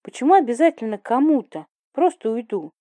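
A woman reads a breezy younger sister who needles her older sibling. The tone is mellow and dark, the delivery offhand and mocking, a little brighter than the narration around it. The recording is dry and close. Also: on the high side, animated, a little fast, dry recording, pitched above the performer's own voice, natural voice.

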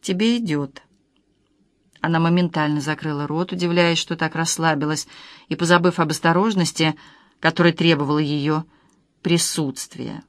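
An audiobook reader narrating a novel in a steady, even storytelling voice. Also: medium pitch, moderate pace, no echo.

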